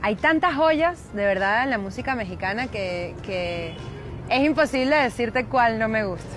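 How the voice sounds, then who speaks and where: A Venezuelan woman with a Caracas accent, lively and quick to laugh, answering street interview questions in a fairly high voice. The interview is recorded outdoors on a city street, with faint music mixed in. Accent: Caracas Venezuelan Spanish. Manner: animated, laughing. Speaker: singer and singing teacher.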